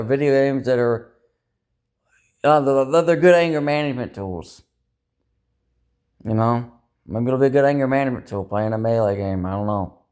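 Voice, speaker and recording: A man with a medium-pitched, slightly mellow voice rambles through a confessional talk to camera as a personal vlogger. He's dejected and upset, venting frustration at himself with plenty of swearing.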